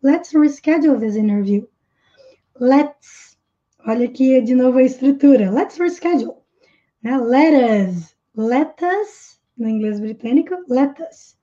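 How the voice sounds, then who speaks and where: A woman teaching a live online language lesson, drilling pronunciation slowly and deliberately. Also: high voice, animated, warm tone, highs cut off. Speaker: English teacher.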